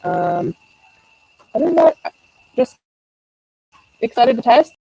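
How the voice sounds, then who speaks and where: A woman's voice: on the high side, big pitch swings, takes it slowly, vocal fry, warm tone, husky, dry recording, low-quality recording. Woman on a choppy, breaking-up call. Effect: choppy, breaking-up call connection. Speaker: team member on a community call. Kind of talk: casual update on a video call. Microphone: video call.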